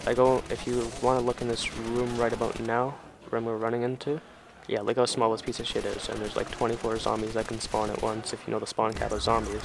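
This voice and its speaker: A man's voice: mid-range voice, monotone, brisk, vocal fry. Rambling young guy over game gunfire. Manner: rambling, chatty, swears casually. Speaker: gamer. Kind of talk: casual gameplay commentary. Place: home, at night. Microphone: desk or headset mic. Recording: game gunfire noise loud underneath. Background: video game gunfire and ambience.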